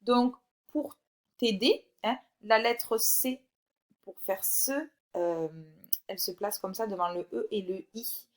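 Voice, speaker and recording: Slow, clear woman teaching phonics. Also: mid-range voice. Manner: slow, clear, drawn-out word by word reading; encouraging, addresses the child directly. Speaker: primary school teacher. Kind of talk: recorded phonics lesson for young children.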